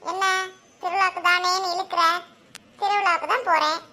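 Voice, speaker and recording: A woman's voice: extremely high pitch, steady tone, moderate pace, sharp tone. A woman voicing a cheeky boy who teases and bosses his sister in a cartoon. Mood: teasing. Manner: bossy and mocking. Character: cheeky boy, teasing older brother.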